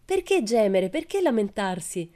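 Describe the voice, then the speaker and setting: A woman's voice: mid-range voice, very animated, normal speed, mellow, voice pushed up, close to an everyday voice. A woman voicing a wild, cheerful, boastful girl in a storybook reading, brash and theatrical. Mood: playful boasting.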